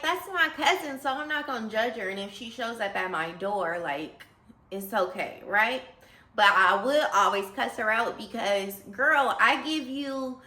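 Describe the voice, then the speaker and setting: Young woman, storytime vlog, chatty, addresses viewers directly, bright voice, echoey room. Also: medium pitch. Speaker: storyteller vlogger.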